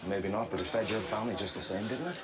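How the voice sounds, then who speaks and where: A man plays a cynical police officer with a gruff, weary way of speaking. His voice is very low. A loud crowd roars behind him. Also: fairly even intonation, fast talker, lightly acted. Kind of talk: TV drama dialogue.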